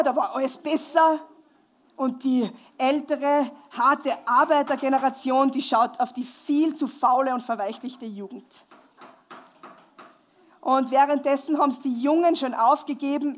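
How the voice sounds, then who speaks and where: Woman preacher, high voice, lively live sermon with questions to the congregation. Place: church hall, live before a congregation.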